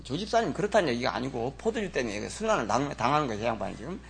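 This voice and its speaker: Gravelly, lively-voiced male pastor preaching. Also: rapid-fire. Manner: animated storytelling, swinging from low mutters to loud scolding. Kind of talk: sermon.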